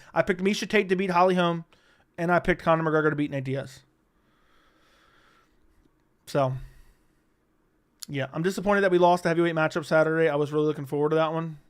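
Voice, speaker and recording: Young male streamer, slightly high and very clean voice, casual, profane, rambling chat host. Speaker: livestream host.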